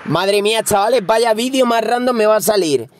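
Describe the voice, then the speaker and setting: A young man from Spain with a Spanish accent, hoarse with a cold, commenting live on his mobile game and swearing freely at viewers. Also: high voice, normal speed, a little hiss or hum. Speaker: gaming YouTuber.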